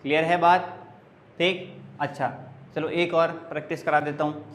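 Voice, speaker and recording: A man's voice: on the high side, level tone, normal speed, fairly bright tone. A male chemistry teacher giving a classroom lecture step by step. He asks questions and answers them himself, counting carbons aloud. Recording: echoey room with faint background hiss.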